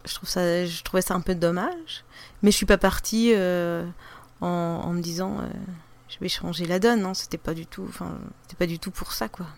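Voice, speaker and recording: A woman's voice: fairly low pitch, fairly even intonation, moderate pace, vocal fry. A woman, a podcaster, with a regional French accent, chatting loosely in an interview with lots of fillers and restarts. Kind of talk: casual interview chat.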